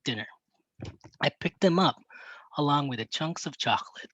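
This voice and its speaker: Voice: medium pitch, normal speed, husky, no room sound, lo-fi sound. Reader telling a wry first-person story. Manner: plain, even narration with a teen's wry asides. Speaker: audiobook reader.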